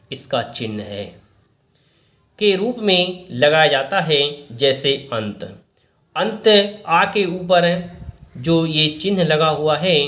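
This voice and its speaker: A man teaching a grammar lesson, explaining slowly and deliberately as he points out examples on a board. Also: a little high, fairly bright tone. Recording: echoey room.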